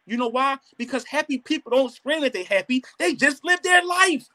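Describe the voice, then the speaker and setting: A man's voice: very high-pitched, animated, normal speed, pushed and bright. A man co-hosting a casual podcast, arguing emphatically and acting out quotes, with some profanity. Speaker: podcast co-host.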